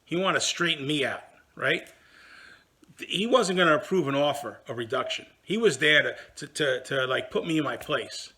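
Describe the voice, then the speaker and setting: A man who heads a law practice, telling a story in a casual monologue. He talks in an animated, indignant way, with many restarts. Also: fairly high pitch, normal speed, breathy edge.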